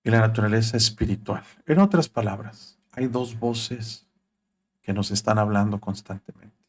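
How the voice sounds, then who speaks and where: Low-voiced pastor preaching. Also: male voice, normal speed, darkish tone, slightly rough. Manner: preaching, voices quoted thoughts with rising emphasis. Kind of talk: sermon on a live broadcast.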